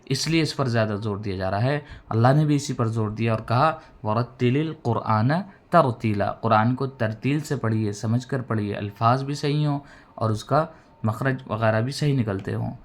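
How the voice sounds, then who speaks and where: In a recorded Quran reading lesson, a man with a mid-range voice drills syllables slowly, drawing out the vowels and patiently explaining each rule.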